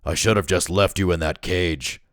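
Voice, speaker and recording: A man voicing a rough, low-voiced male gang leader who speaks gruffly and mockingly in a fantasy novel reading. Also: fairly even intonation, moderate pace, no room sound, studio quality, close to an everyday voice.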